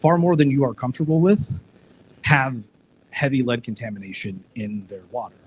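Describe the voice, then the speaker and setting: A man's voice: medium pitch, animated, brisk, rough recording. Guy rambling through an old tv episode at a live talk night, lots of um and uh, restarts, faint room hum behind. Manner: rambling, with frequent restarts and filler words. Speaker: discussion panelist. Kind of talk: casual live discussion, retelling a TV episode. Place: live public discussion event, indoors.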